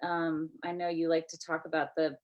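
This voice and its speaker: A woman's voice: low-pitched, flat delivery, normal speed, highs cut off. A woman hosts a coaching group's live stream, chatty and upbeat, and she laughs easily. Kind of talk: casual live-stream chat. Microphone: video call.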